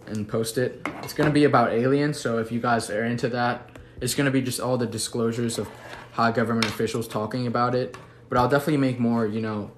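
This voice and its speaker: This young livestream host, originally from Mexico City and later in the US, has a voice on the low side. He chats casually through viewer comments with relaxed slang and affection. The setting is an echoey room with faint background noise.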